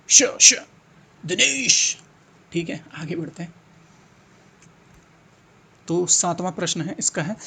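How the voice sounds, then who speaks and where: A Hindi exam tutor teaches an exam-prep lesson, thinking aloud, repeating sounds and answer options, and urging his students to answer. His voice is a little high and gravelly, with a darkish tone.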